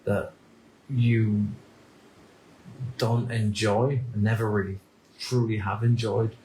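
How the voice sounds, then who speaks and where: A man in his thirties from the United Kingdom, talking through a reflective personal monologue in a halting way, often repeating words and restarting sentences. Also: lowish voice, little pitch movement, mellow, echoey room, a little hiss or hum, poor audio. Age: 30s. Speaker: vlogger.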